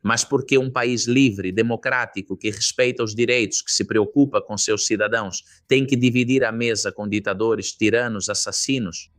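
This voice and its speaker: A man with a Spanish accent speaking as a political commentator, emphatic and rhetorical, slowly listing his points. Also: on the low side, steady tone, a bit bright, no echo, clean studio sound, faint music behind.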